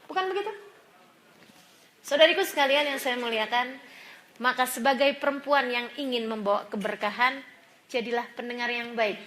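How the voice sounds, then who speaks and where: Bright high-voiced woman preaching. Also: normal speed, pauses often, slight background noise. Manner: storytelling, acts out quoted voices, laughs often. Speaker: religious teacher. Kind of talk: sermon to women.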